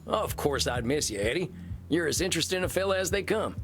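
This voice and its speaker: An actor playing a steady, frank cowboy vampire therapist in a video game. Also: male voice, a little high, brisk, soft background music. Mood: calm, reassuring. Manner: folksy, frank, gently challenging.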